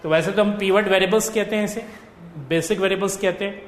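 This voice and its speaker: A man's voice: high voice, fairly even intonation, fast talker. A male economics tutor, dictating notes in a lecture and checking with his students. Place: classroom. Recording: echoey classroom with faint noise.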